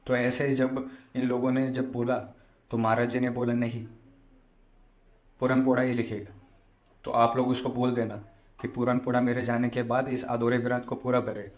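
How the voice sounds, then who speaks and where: A man's voice: mid-range voice, monotone, normal speed, dull audio. A man giving a devotional discourse as a spiritual storyteller, explaining and repeating phrases for emphasis. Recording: echoey room sound.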